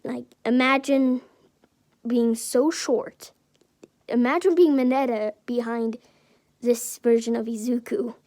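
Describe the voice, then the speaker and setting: Woman narrator, fairly high, mellow, loose playful storytelling. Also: fairly even intonation, takes it slowly. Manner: rambling, playful. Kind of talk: casual fan story narration.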